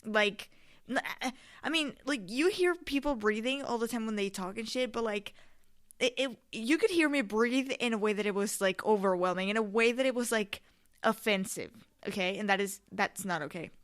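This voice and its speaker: A woman's voice: a little high, moderate pace. A young adult woman hosting a casual solo podcast in a candid, slangy, emphatic and rambling way, often swearing. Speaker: podcast host.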